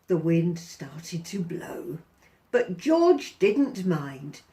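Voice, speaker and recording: A woman reading a picture book aloud to children as a storyteller, in a theatrical, deliberate, sing-song way. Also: on the low side, sing-song, gravelly, mellow. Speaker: volunteer storyteller.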